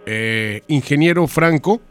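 A man's voice: on the high side, expressive, smooth. A man putting on a rambling pompous engineer. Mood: fussy. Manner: rambling, stalling with fillers, spells letters slowly. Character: pompous rambling male hotel-owner engineer, middle-aged. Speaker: prank caller. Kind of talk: radio prank call.

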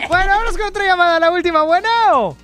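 A woman hosting a radio show, bantering and teasing callers with playful, loud bursts of enthusiasm. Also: extremely high pitch, fast, soft background music. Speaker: radio host.

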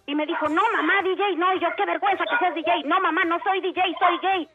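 A woman's voice: very high-pitched, steady tone, fast, phone-quality sound, soft background music. A Mexican woman comedian telling punchy jokes in a stand-up joke battle on a radio broadcast.

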